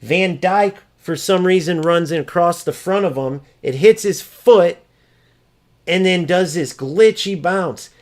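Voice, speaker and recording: A man's voice: sits high, a little slow. A man ranting over gameplay footage, exasperated, profane and mocking as he vents about an opponent. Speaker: gaming streamer.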